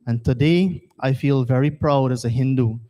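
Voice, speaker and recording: A man's voice: mid-range voice, normal speed, dark tone. A man from Guyana, chairing a temple service in an earnest, rhetorical formal address that repeats phrases for emphasis. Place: temple hall.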